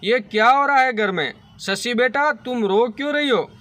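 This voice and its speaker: Man doing stern father-in-law, firm, authoritative, high bright voice, storybook. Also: moderate pace. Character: stern fair-minded father-in-law, shopkeeper.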